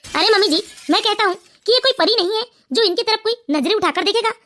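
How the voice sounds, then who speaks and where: A woman's voice: very high voice, fast, bright, forceful tone. A woman voicing a smug, mocking young son-in-law in a cartoon family story. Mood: sneering.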